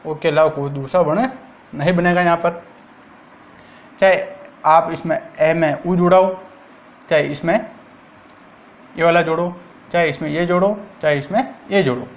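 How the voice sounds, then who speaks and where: A man's voice: a little high, fairly even intonation, moderate pace, long pauses, highs cut off. A man teaching a grammar lesson for exam prep, asking and answering his own questions.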